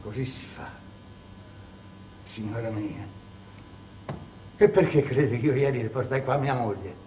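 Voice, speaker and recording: An actor playing a proud, cunning, wronged middle-aged male clerk in a theatrical stage performance, swinging from hushed bitterness to shouting. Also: mid-range voice, unhurried, background noise, close to an everyday voice. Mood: heated. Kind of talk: stage acting. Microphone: distant room mic. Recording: distant echoey stage recording.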